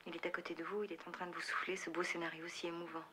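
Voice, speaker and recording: An actress playing a wary, hurt wife, heard over the phone line during a payphone call, speaking in a hushed, husky voice. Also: female voice, lowish voice, flat delivery, rapid-fire, background noise. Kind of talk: film drama dialogue.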